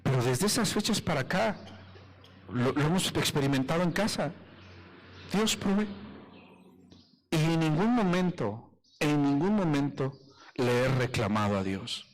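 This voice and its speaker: A man's voice: fairly high pitch, expressive, measured pace, pauses often, in a large hall, poor audio. A man with a Mexican accent, preaching a live sermon as pastor and putting rhetorical questions to his congregation. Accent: Mexican Spanish.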